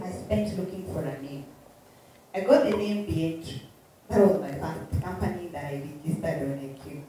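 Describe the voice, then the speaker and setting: A mellow-voiced woman with a Kikuyu Kenyan accent speaks emphatically in a motivational interview style. She repeats her phrases and throws out rhetorical questions. The room is very echoey and the microphone sounds distant. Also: lowish voice. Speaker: interview guest, entrepreneur. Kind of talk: animated motivational interview talk. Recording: very echoey room, distant mic, faint noise.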